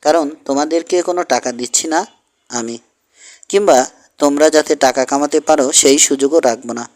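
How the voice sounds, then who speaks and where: A man reading aloud and voicing a calm male outlaw boss who talks with cool, mocking menace. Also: a little high, normal speed, lightly acted. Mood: scornful.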